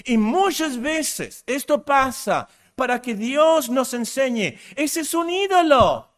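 A man's voice: extremely high pitch, expressive, takes it slowly, fairly bright tone. A man preaching a sermon with passion, repeating short phrases to drive points home.

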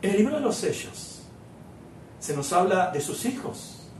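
A man's voice: high-pitched, big pitch swings, measured pace, a little mellow, reverberant, far from the mic, slight background noise. A man preaching a sermon with many fillers, asking the congregation questions.

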